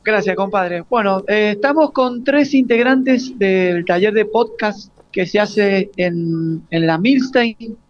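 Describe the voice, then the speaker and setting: The speaker is a man in his forties with a high voice and an Argentine Spanish accent, working as a radio interviewer. In a casual live chat with students he halts and rephrases questions repeatedly, all carried on a dull lo-fi broadcast sound.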